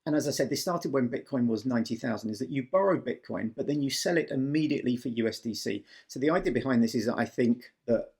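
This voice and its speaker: A man's voice: medium pitch, quick pace, hardly any pauses, darkish tone, husky. A man giving a casual, step-by-step screen-recording walkthrough in an explanatory manner as a tutorial presenter.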